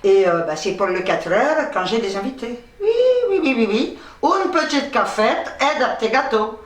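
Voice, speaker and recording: A middle-aged North African woman chats casually as a vlogger, rambling playfully through a grocery haul with some salty language. Her voice is on the high side and animated, at a moderate pace. The mic is distant, giving a roomy sound.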